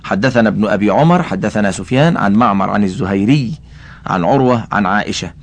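A man's voice: on the low side, lively intonation, fast. A man reading a classical religious text aloud as an audiobook, adding commentary and carefully spelling out how names are voweled. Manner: addresses the listener directly. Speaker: audiobook reader.

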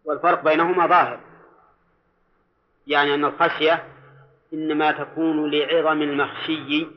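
A man teaching Quran commentary in a classroom lecture, speaking deliberately, repeating key phrases and quizzing his students. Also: fairly high pitch, flat delivery. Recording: dull lo-fi lecture recording.

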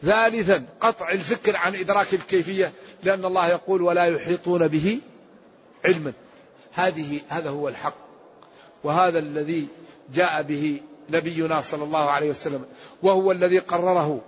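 A man's voice: on the high side, fairly even intonation, fairly quick, slight background noise. A man giving an emphatic religious lesson on scripture, explaining points with rhetorical questions. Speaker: Islamic scholar giving Quran commentary. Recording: dull lo-fi recording.

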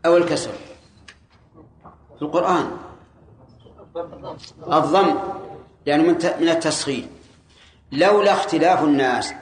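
A man with a fairly high voice teaches a lesson on Quran commentary, explaining each point and then quizzing his students directly. His voice rings around an echoey room, with a faint hiss underneath. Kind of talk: classroom lesson explaining a text.

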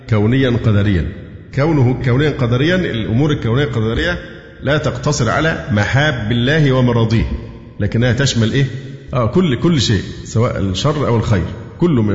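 A man with an Egyptian accent teaches a tafsir lesson in a middle-pitched voice, reciting verses slowly and pausing to quiz his listeners with fill-in questions. The sound is dull and muffled, with a long hall reverb trailing each phrase. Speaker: Quran teacher. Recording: dull echoey hall recording.

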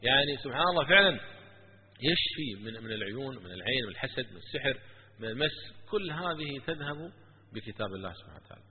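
A man preaching and telling stories in an animated religious lecture. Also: medium pitch, fast, husky. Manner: animated, with stories and rising emphasis. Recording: tinny lo-fi with long hall echo.

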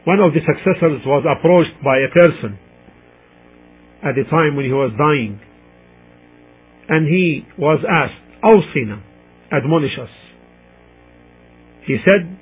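A man gives a religious lecture in measured, deliberate phrases, alternating between recitation and translation. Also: mid-range voice, breathy edge. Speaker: Islamic lecturer. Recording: muffled, tinny radio-like sound.

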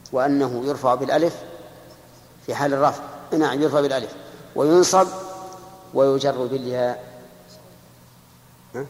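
A man teaching a grammar lesson to a class. He slows down to dictate verses and examples, quizzes his students and repeats key points. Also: mid-range voice, a little mellow. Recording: echoey hall with long reverb.

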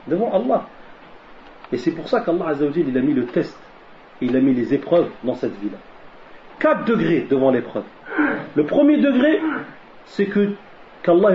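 A man giving a religious lesson who keeps asking questions and answering them himself, mixing Arabic religious phrases into his French and repeating key lines for emphasis. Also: a little high. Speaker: preacher. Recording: dull lo-fi recording with faint noise.

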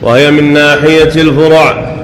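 Flat, lightly chanted male reader in a reverberant hall. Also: a little high. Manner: measured, lightly chanted reading. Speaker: student reading a text to the sheikh. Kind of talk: chanted recitation of a classical text. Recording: echoey hall with faint ambient noise.

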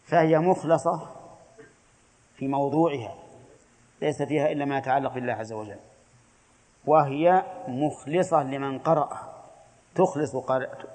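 A man at a middling pitch gives a religious lesson in a classroom. He explains each point patiently and often asks his students a question before he answers it. His voice rings with the long echo of a hall. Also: darkish tone. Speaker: Islamic scholar teaching a creed text.

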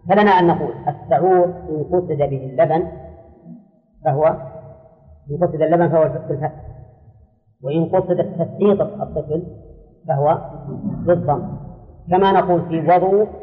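A man's voice: a little high, normal speed, long pauses. A man, a religious scholar teaching a class on Islamic law, explaining and answering students' questions while repeating key words. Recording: phone-like audio in a long-echoing hall.

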